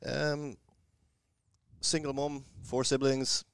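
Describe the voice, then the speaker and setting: A man's voice: mid-range voice, flat delivery, slow pace, gravelly, smooth. A middle-aged man with a Dublin Irish accent, a guest telling stories with humor in a radio studio interview. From Ireland. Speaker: guest entrepreneur. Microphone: headset mic.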